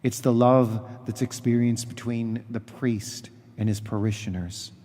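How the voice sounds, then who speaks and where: Male priest for a homily: medium pitch, very unhurried, halting delivery, long church reverb. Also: fairly even intonation, dark tone. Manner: halting, pausing mid-sentence.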